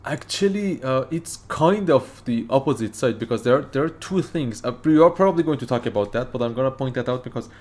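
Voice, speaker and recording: A man whose first language is Farsi hosts a casual reaction video, arguing his point in a rambling, excitable way full of fillers. His medium-pitched voice runs a little fast, with hardly any pauses.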